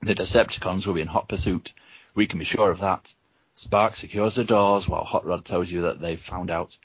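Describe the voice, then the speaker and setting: A fairly low-voiced man reads a choose-your-own-adventure book aloud to his friends, with a husky edge to his voice. He breaks into chuckles now and then. The recording is dry and a little dull. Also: no room sound. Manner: reads the story with chuckles and asides. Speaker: podcast host reading a gamebook aloud. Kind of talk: casual reading aloud with friends.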